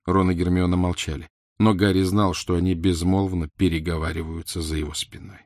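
Low-voiced man reading a novel aloud. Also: level tone, fairly quick, a little mellow, no room sound, clean studio sound. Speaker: audiobook narrator. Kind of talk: scripted narration.

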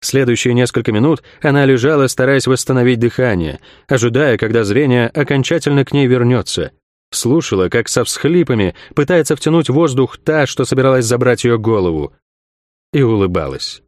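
Male audiobook narrator, expressive storytelling, lively pitch, dry close sound. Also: normal speed, no room sound. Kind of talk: scripted fantasy audiobook narration.

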